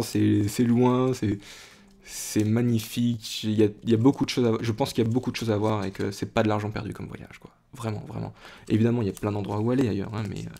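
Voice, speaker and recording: A man's voice: lowish voice, creaky, warm tone. A young man from France chatting casually to viewers as he opens a box of trading cards, rambling with frequent restarts and fillers. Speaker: YouTuber opening card boxes. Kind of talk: casual chat to camera.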